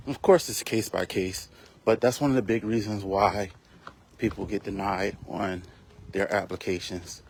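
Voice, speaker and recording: A realtor giving casual, rambling tips on a live stream while walking outdoors, out of breath and full of fillers. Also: male voice, on the low side, slight background noise.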